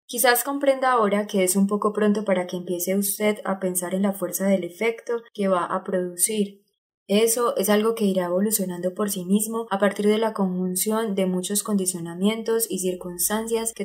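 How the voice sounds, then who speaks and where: This is an exacting older male acting teacher, read by a woman narrating an audiobook. He speaks at a middling pitch and lays out each lesson step by step. His manner stays didactic and instructive throughout. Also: fairly even intonation, normal speed, darkish tone, natural voice. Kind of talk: audiobook reading of a character.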